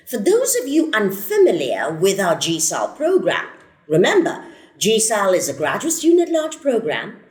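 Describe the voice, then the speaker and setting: A woman's voice: mid-range voice, darkish tone, reverberant. A woman hosting a university program podcast, reading an enthusiastic introduction and welcoming her guests. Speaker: host, program director.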